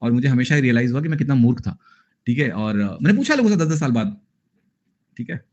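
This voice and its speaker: Give me an Indian man in his thirties, a math teacher who wanders off into jokey asides in the middle of a lesson and drops English phrases into his Hindi. His voice sits at an ordinary pitch, and the recording sounds a bit dull and lo-fi. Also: animated, fast talker, darkish tone. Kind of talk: online math class with chatty asides.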